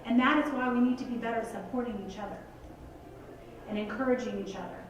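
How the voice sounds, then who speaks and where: An earnest woman delivers a motivational talk in a chatty, direct way. Her fairly high voice carries through a big, echoey hall and is picked up from a distance. A faint room hum sits under it. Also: quick pace, highs cut off. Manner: earnest, conversational, heavy use of "like" and "you guys". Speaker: motivational speaker. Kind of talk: motivational talk to a live audience.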